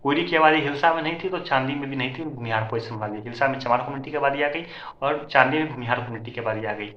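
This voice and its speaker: A man presenting census figures in an informal, repetitive explainer style, often calling out to his viewers as friends. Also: medium pitch. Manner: rapid, repetitive, keeps addressing viewers as friends. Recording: echoey, slightly dull lo-fi audio.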